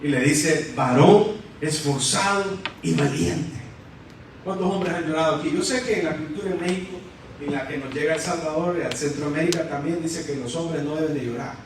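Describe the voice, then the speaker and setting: A man's voice: a little high, fast talker, background noise. A man preaching a fervent sermon to a congregation, constantly calling them brothers. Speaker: guest preacher. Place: church sanctuary. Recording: echoey church hall from far off.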